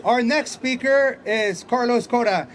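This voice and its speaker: Lively union emcee at an outdoor rally; very high male voice. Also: a little slow, slight background noise. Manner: animated, laughing, punchy questions to the crowd. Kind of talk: rally speech. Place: outdoors by hotels.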